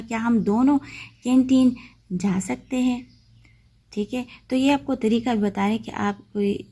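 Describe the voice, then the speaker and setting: A woman teaching a textbook lesson, reading English lines slowly and then explaining them patiently. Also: a little high, gravelly, mellow. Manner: patient, checks in with "okay" often.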